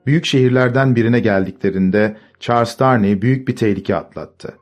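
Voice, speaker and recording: A man calmly narrating a storybook and voicing its characters. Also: mid-range voice, moderate pace, soft background music. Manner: calm, steady reading, voicing characters. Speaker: audiobook narrator.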